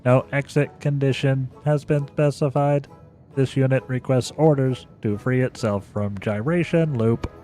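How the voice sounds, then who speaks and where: A man's voice: mid-range voice, fairly even intonation, a little slow, mellow, soft background music, close to an everyday voice. A man doing a robot voice for a formal robot unit, reading its lines in clipped machine phrasing. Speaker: gamer reading in-game robot lines aloud. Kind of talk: playful voicing of game dialogue.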